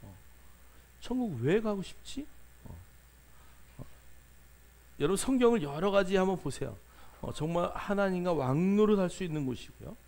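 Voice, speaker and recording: A male pastor delivers a lively sermon in a gravelly, somewhat high voice. He keeps putting questions to his listeners and urging them to answer out loud, with filler sounds running between his phrases. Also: moderate pace, long pauses. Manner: lively preaching, asks the congregation questions, many fillers.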